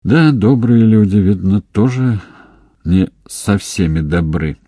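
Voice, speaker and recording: A man voicing a calm, wry young police investigator with a dry, ironic manner, in an audiobook. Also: fairly low pitch, slow, husky, no echo, full character voice.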